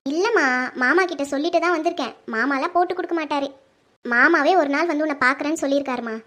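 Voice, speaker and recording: Subdued, quieter mother, as a performer puts her on, soft and a bit sad, in a family drama. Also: sits high, fast. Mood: reassuring. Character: soft-spoken, sorrowful visiting mother. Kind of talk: home-made Tamil family drama.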